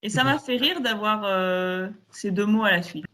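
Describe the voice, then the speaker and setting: A woman's voice: medium pitch, normal speed. Chatty woman retelling a story. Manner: animated retelling, frequent fillers. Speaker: podcast co-host. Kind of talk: casual chat.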